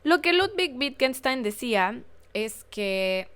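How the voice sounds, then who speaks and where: A woman with a Mexican Spanish accent rambles through a solo podcast in a fairly high, smooth voice. She talks frankly, throws in filler words and a few swear words, and keeps the tone loose and conversational. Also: very animated, slow, a bit bright. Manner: chatty, rambling, frank and profane, with frequent filler words and laughs. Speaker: podcast host. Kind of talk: casual solo podcast monologue.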